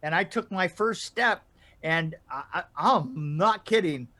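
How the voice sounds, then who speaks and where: This middle-aged podcast regular tells laid-back stories in a high-pitched voice, joining by video call from a room indoors. Lively and given to chuckling, he frequently restarts phrases and stumbles over his openings.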